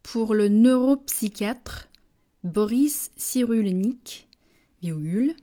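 Woman, dictation reader, very slow and measured, warm mellow tone, repeats each phrase. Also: lively intonation. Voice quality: measured, deliberate, dropping low on punctuation words. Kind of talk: slow French dictation, each phrase read twice with punctuation spoken.

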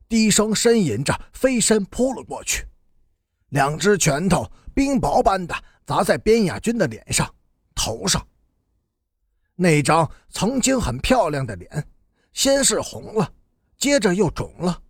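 Husky, lively male storyteller. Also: high-pitched, dry recording, studio quality. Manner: vivid, dramatic storytelling. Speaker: audiobook narrator. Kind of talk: dramatic novel reading.

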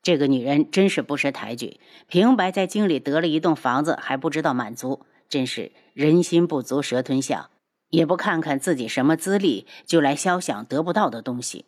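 一位女性朗读者平稳地讲述言情小说。. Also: female voice, sits low, expressive, normal speed, a little mellow. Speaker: audiobook narrator. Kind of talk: scripted narration.

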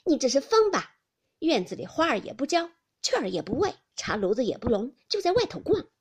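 A jealous young maid with a sharp tongue, voiced by a woman reader. Her voice runs high and breathy, sneering, with wide swings of pitch. She is a figure in an audiobook. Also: very animated, a little fast, heavily acted. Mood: scolding.

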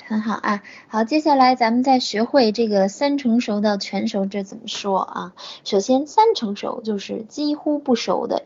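A woman teaching an online English lesson, saying each English word slowly, repeating it, and praising her learners between items. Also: a little high, darkish tone, breathy edge. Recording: dull lo-fi audio.

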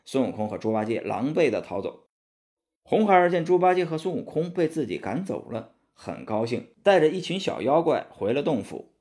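A man narrating a children's story with a lively, expressive reading. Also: medium pitch, normal speed.

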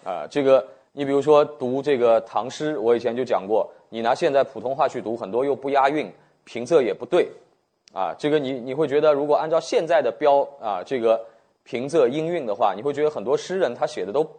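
A man's voice: mid-range voice, a little fast, a little mellow. A man lecturing as a teacher, filling his talk with frequent fillers and restarts. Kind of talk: spoken lecture.

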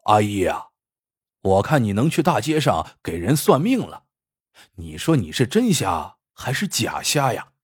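A man voicing a fat, scheming male shopkeeper who mocks and tests a blind customer, with a husky, teasing manner in a storybook tale. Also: lowish voice, sing-song, measured pace, no echo, studio quality, voice pushed down, heavily acted. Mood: mocking. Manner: sneering, teasing.

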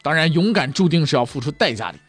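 A male storyteller narrating history in a joking pingshu manner, his voice sitting fairly high and leaping all over its range. He keeps tossing rhetorical questions at the audience. Soft music plays faintly under him. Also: quick pace, husky, no echo. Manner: lively, jokey asides and rhetorical questions to listeners.

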